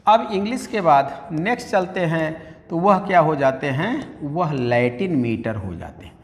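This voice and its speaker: Male teacher, fairly high voice, slow and deliberate lecturing, long reverb. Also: expressive. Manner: asks and answers his own questions, spells words letter by letter; mixes Hindi with English phrases. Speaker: English teacher. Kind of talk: classroom lecture.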